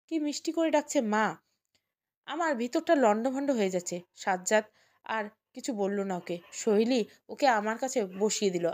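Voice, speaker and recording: Tearful woman storyteller. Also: fairly high pitch. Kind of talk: emotional first-person audio story narration.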